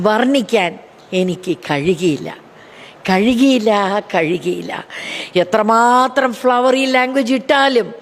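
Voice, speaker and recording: A woman preacher giving a fervent testimony sermon, repeating phrases for emphasis and breaking into praise refrains. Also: fairly high pitch. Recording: long hall reverb.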